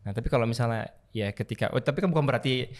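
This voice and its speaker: A man's voice: medium pitch, rapid-fire. A man, a podcast guest, chatting casually and reflectively, often mixing English phrases into his talk with many hesitations. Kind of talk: casual chat.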